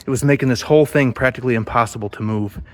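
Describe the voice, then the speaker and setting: A man's voice: medium pitch, very fast. A man narrating a build vlog for theater sets in a rambling, chatty way, explaining his work as he goes. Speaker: set builder. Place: theater stage and workshop.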